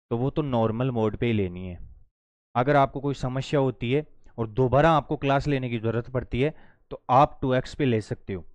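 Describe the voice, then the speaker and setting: Hindi-speaking man teaching phonetics, smooth voice. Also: mid-range voice, darkish tone, no room sound. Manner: explains step by step, repeats words slowly while writing. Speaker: English teacher. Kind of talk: Hindi-language online lesson.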